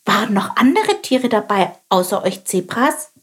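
A woman voicing a curious, excitable little male sparrow who asks eager questions. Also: medium pitch, moderate pace, husky, pitched above the performer's own voice.

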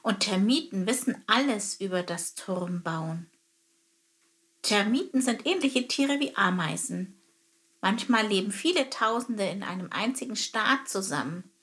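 A woman reads a children's story aloud in a calm, even storytelling manner. Her voice sits at an ordinary middle pitch for a woman. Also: unhurried. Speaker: narrator. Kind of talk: scripted narration of a children's story.

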